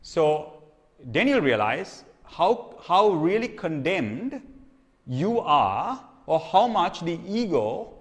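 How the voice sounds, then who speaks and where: A man's voice: a little high, big pitch swings, slow pace. Man preaching in an echoey hall. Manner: conversational, checks in with frequent "okay?"; repeats and restarts phrases. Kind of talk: sermon teaching. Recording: long reverb hall.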